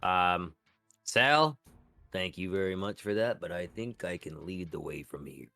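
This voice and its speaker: Low, bright-voiced man at a game table. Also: expressive, a little slow, no room sound, soft background music. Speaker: player. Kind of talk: casual tabletop game banter.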